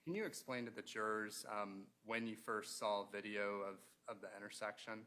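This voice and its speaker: A man questioning a witness as a prosecuting attorney in a courtroom, in a formal, procedural and halting way. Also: lowish voice, sharp tone. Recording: noisy courtroom pickup with room ambience.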